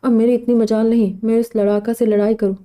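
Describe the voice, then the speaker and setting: Teasing young doctor cousin, read by a woman, dark-toned, flat. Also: a little high, natural voice. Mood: sulky. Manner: teasing and sulky.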